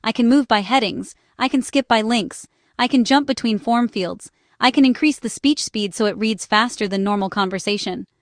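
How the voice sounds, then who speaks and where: She has a fairly high voice and reads at normal speed with hardly any pauses. The studio-quality, echo-free recording features this small business owner narrating a scripted explainer on accessibility in brief, instructional phrases.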